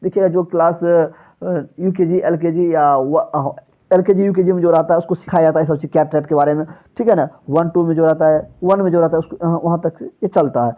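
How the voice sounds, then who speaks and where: A man's voice: fairly even intonation, a little fast. Man teaching in a lo-fi lecture. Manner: repetitive, asks and answers his own questions; drops pitch on closing phrases. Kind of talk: exam-prep lecture. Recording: slightly dull, lo-fi recording.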